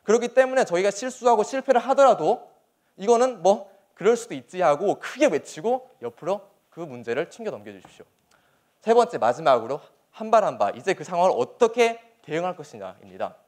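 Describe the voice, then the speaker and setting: High-pitched, animated young man giving a speech. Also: brisk. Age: young adult. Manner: earnest, emphatic, rhetorical questions. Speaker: soldier giving a motivational speech. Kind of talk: motivational public speech to an audience.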